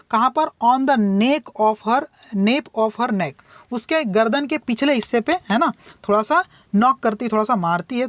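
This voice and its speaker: A young woman teaching English. She reads each story line slowly, then explains it in quick Hindi and keeps checking in with her students. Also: on the high side, no room sound. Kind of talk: bilingual lesson explaining a story.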